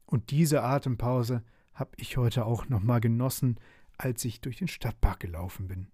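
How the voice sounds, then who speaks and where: A man reading a bedtime story aloud in a gentle, expressive way. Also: medium pitch, normal speed, dry recording, clean studio sound.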